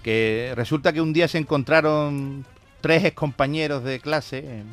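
Guy telling jokes on the radio, high voice that jumps around a lot as he acts out the people in his stories, faint music underneath. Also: a little slow. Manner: animated storyteller, voicing characters in the jokes. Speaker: radio joke teller.

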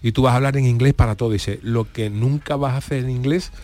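A man's voice: mid-range voice, fairly even intonation, fast talker, warm tone. A man, co-hosting a radio chat and telling long rambling anecdotes. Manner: rambling storyteller with restarts. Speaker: radio co-host.

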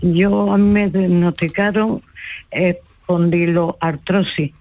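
A woman's voice: fairly low pitch, steady tone, slow, darkish tone, no echo. A woman calling in to a live radio show over the phone, chatty and grateful, repeating words as she searches for them. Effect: heard over a phone line. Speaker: radio call-in listener.

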